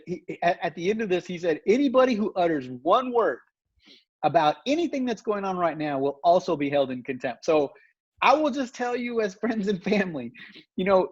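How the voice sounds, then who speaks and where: A man's voice: on the high side, no room sound, highs cut off. A man co-hosting a casual law podcast, telling a long courtroom anecdote full of "you know"s. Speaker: family law attorney, podcast co-host. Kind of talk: casual storytelling chat.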